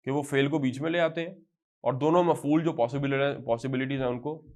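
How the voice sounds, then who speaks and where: A man with a Pakistani accent teaching Arabic to a live class. He spells out example phrases slowly and then explains them in quick bursts. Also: medium pitch, steady tone, darkish tone. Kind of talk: classroom lecture.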